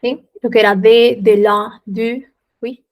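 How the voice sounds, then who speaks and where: A woman with a voice on the high side and fairly level intonation teaches French vocabulary online. Patiently and slowly, she says each French word again and then supplies the Spanish equivalent.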